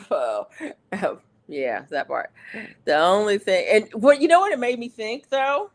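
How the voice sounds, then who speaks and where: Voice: medium pitch, a little slow. Chatty streamer rambling along, restarts a lot, perks up when venting. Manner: rambling, many restarts and fillers; gets animated when venting. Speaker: livestream host. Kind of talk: casual livestream chat.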